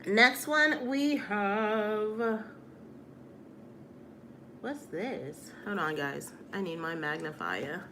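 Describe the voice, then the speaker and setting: A woman reads tarot cards in a chatty, casual way, with a voice of middle pitch. She sounds upbeat and encouraging and keeps checking in with "all right?" A faint noise sits behind her voice. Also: extremely slow, long pauses, bright, forceful tone. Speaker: tarot reader.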